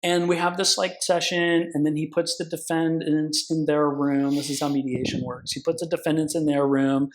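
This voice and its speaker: A middle-aged male attorney with a slightly higher-than-usual voice tells a courtroom story in a loose, animated way. He swears freely, leans on filler words and jumps into acted-out dialogue as he goes. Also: moderate pace, few pauses. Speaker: consumer protection attorney, guest. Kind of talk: casual storytelling conversation.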